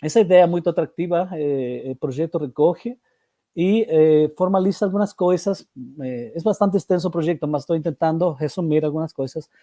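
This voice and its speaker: A man with a slightly high, soft-edged voice presents academic work in portunhol. His Spanish accent is plain, and he moves haltingly between Portuguese and Spanish words. The sound is close and dry. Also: no echo. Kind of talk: seminar presentation.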